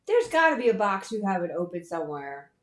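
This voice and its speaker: A woman with a hoarse, scratchy throat chatting casually and bluntly on a livestream, swearing freely and rambling. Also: medium pitch, big pitch swings, fairly quick, echoey room. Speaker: co-host on a livestream. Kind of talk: casual chat.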